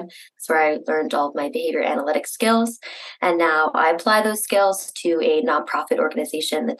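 A woman's voice: on the low side, rough recording. A woman from New Jersey, a behavior analyst, introducing herself in a chatty, detailed way. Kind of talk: self-introduction.

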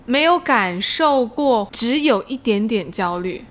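A woman's voice: on the high side, expressive, slow pace. A woman hosting a casual conversational discussion, asking questions and dropping English words into her Mandarin.

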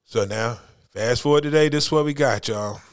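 A middle-aged man hosting a podcast, talking in a relaxed, storytelling way. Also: mid-range voice, moderate pace, clear, resonant tone. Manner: laid-back, storytelling. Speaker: podcast host. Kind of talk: casual chat.

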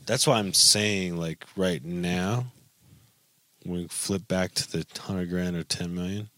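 A man's voice: deep voice, fairly even intonation, takes it slowly, a bit bright, no echo. A man in his thirties chatting casually as a podcast co-host, in a slangy, profane, bro-like manner.

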